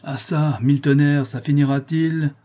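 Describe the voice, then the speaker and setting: A man's voice: a little high, normal speed, warm tone, voice pushed up, natural voice. A man voicing a coarse, impatient bailiff's officer who barks slangy orders. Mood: brusque. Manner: gruff slangy barking.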